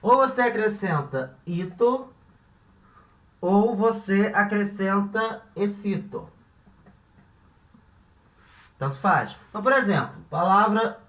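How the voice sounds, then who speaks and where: A man's voice: high-pitched, a bit bright. A man teaching a language lesson. He explains patiently, repeats each example and often checks that the listener is following. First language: Portuguese. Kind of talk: classroom-style lesson explanation. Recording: echoey room, voice from a distance.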